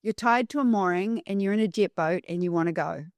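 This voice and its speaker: A woman's voice: mid-range voice, brisk, dry recording, close to an everyday voice. Woman doing a blunt male business coach, curt, dry close sound.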